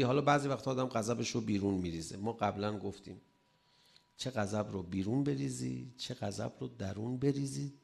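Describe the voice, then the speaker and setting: A male preacher gives a sermon in a gravelly, creaky voice of middling pitch. He swings from loud, pressing emphasis to quiet asides and peppers the talk with rhetorical questions and humor. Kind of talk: religious sermon.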